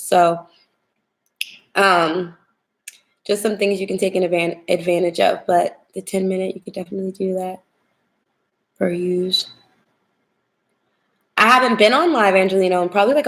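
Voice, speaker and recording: Young female livestream host, smoky whiskey voice with heavy fry, getting over a cold, informal direct chat. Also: on the low side. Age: young adult. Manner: chatty, informal, addressing viewers directly. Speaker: tarot reader hosting a livestream. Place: home kitchen, indoors.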